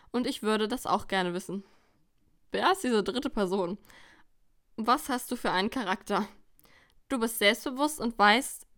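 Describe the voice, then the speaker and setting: A woman's voice: mid-range voice, a bit bright. A young woman co-hosting a casual podcast chat, reading quiz questions aloud with a wry, teasing manner. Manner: wry, teasing, breaks into laughter. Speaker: podcast co-host.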